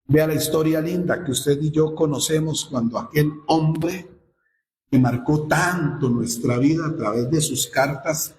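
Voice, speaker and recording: Slow-speaking pastor in an echoey church. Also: male voice, fairly high pitch, darkish tone. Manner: asks the congregation rhetorical questions. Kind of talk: sermon. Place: church sanctuary.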